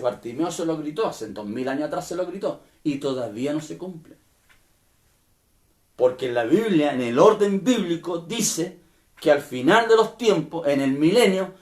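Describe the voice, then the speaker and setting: Man, pastor; sermon delivery, fairly high register, emphatic peaks and direct questions to listeners. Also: a little mellow.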